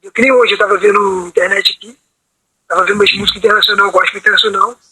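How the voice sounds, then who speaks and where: Speaking fast in a high, husky voice with a sharp tone, a man on a video call keeps his intonation fairly even. His long personal story meanders, and "entendeu?" follows almost every phrase. There's no room sound, but the audio is poor.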